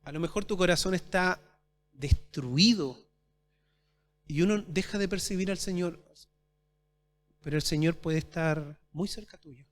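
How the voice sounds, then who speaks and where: A man preaching a sermon as pastor at a church service, asking his congregation rhetorical questions and swinging between loud and soft. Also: high-pitched, a little slow, long pauses. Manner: addresses congregation as brothers.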